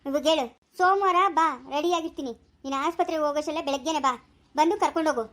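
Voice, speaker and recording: Woman acting a scolding, fast-talking village wife. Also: high-pitched, a bit bright. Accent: rural Chikkaballapura Kannada. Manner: scolding, quarrelsome. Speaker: actor in a family village skit. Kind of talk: acted domestic drama dialogue.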